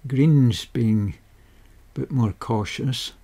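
Slow, gravelly, mellow-voiced man explaining. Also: medium pitch. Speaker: game rules explainer.

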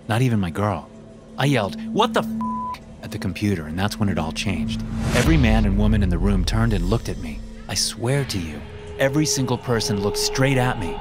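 A young man narrating a horror story in a tense, hushed voice, swearing casually. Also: lowish voice. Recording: narration over loud music.

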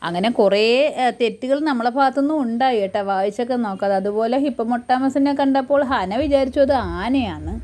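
A woman's voice: a little high, brisk, darkish tone. Chatty woman narrating a family vlog. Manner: chatty, keeps checking in with the listener. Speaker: vlogger and mother. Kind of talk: casual voice-over narration.

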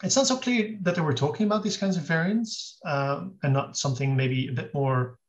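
A man's voice: on the high side, lively intonation, a little fast. A man, a guest scholar, explains at length in an interview, thinking aloud and restarting his sentences. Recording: dull lo-fi audio.

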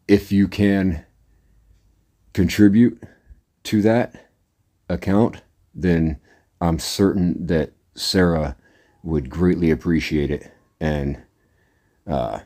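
A man's voice: deep voice, slow, pauses often, mellow. A middle-aged man vlogging casually to his viewers, rambling in a plain-spoken way with lots of "uh"s and "anyways". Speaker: trucker vlogger. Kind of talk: casual monologue to camera.

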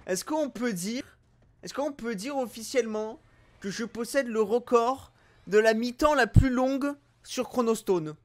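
A man giving excited, jokey gameplay commentary, bursting into loud exclamations. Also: very high voice, unhurried. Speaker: gaming YouTuber.

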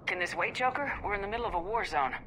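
An actress playing a brisk, authoritative, resolute female space commander in a video game. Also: mid-range voice, lively intonation, a bit bright, a little hiss or hum, close to an everyday voice.

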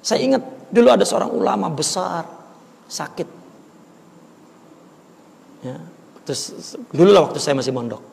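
A man teaching a religious text as a sermon, reading Arabic phrases and explaining them in a casual, lively with a twang. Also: on the high side, moderate pace, creaky, long pauses, in a large hall. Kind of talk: kitab study sermon. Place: large mosque.

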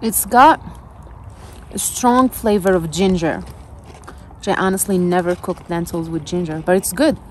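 Speaking slowly with long pauses, this young woman has a fairly low, slightly mellow voice, and a faint hiss or hum sits under the recording. She's a vlogger at an outdoor campsite by a fire, chattily narrating each step of cooking a camp meal for her viewers, with the camera a short distance away.

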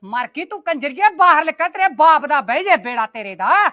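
A woman playing a scolding, suspicious older mother-in-law in a comic family sketch, shrill and nagging. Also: lively intonation, normal speed, pushed and bright, no echo, studio quality. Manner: shrill nagging, wailing complaints.

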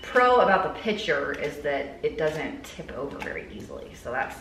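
A woman's voice: sits low, big pitch swings, normal speed, gravelly, a bit bright. A woman in her thirties talking casually and cheerfully while she cooks in her home kitchen, with joking asides. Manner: chatty, upbeat, self-joking asides. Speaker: cooking vlogger. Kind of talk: casual kitchen vlog talk. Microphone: camera on counter at mid distance. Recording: echoey kitchen with faint noise.

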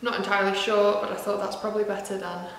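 A woman's voice: mid-range voice, little pitch movement, quick pace. Chatty knitwear vlogger, woman, recorded on the camera mic in a large echoey room with faint background noise. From northwest England. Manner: chatty, self-deprecating, many ums and asides. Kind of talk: casual chat to camera.

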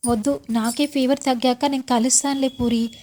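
A quiet young woman weak with fever, as a woman telling the story voices her. She speaks softly in a subdued, high voice. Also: steady tone, moderate pace, a little hiss or hum, natural voice. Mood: tired. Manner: soft and subdued.

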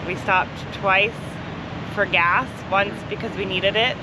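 A woman in her thirties chats brightly about the road trip, laughing easily. She talks into a camera held at arm's length, and steady road and engine noise runs underneath. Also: mid-range voice. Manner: upbeat, chatty, quick to laugh. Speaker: vlogger. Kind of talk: casual travel vlog chat. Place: inside a motorhome and outdoors in a truck-filled parking lot at night. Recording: noisy road and parking lot background.

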